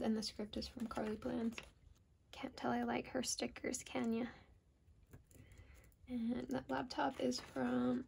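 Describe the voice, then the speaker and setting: A woman's voice: on the high side, gravelly, darkish tone, slight background noise. A woman with an American accent chatting casually and informally in a rambling, self-deprecating plan-with-me vlog, often trailing off mid-thought. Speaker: planner vlogger.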